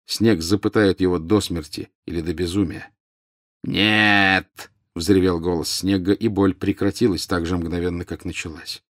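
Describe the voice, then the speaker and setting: A man reads a fantasy audiobook with tense, urgent drive. His voice is low and the recording close and dry. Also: steady tone, normal speed, few pauses, a little mellow, no room sound. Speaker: audiobook narrator. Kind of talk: dramatic audiobook narration.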